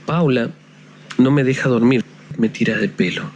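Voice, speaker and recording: A man's voice: medium pitch, moderate pace, a little mellow, lo-fi sound, slight background noise, close to an everyday voice. A man doing an urgent young girl. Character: anxious young girl, the older sister.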